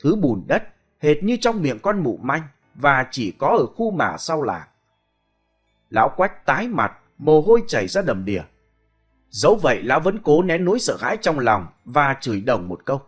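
A man reading a ghost story aloud in a dramatic, expressive way. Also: medium pitch, normal speed, husky, faint music behind. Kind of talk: scripted storytelling.

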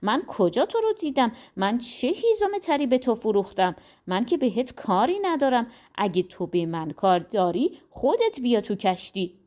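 A woman's voice: medium pitch, animated, darkish tone, natural voice. A woman reading a storybook, voicing a proud young prince who answers back indignantly. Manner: indignant, quick retorts.

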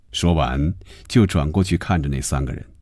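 A man narrating a novel for a radio audiobook with an expressive, fluid storytelling manner, recorded on a close studio mic. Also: rumbling low, no room sound.

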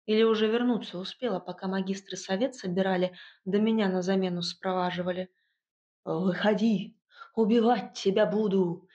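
A woman narrates a first-person audiobook with wry, lively delivery at a medium pitch. The sound is somewhat dull and lo-fi.

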